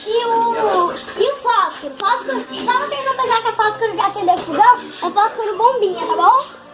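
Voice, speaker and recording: A teenage girl, chatting excitedly to viewers while filming on a phone outdoors. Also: very high-pitched, a little fast. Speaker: vlogger. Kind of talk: casual chat to camera. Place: outdoors at a bonfire. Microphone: phone camera. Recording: loud outdoor noise behind.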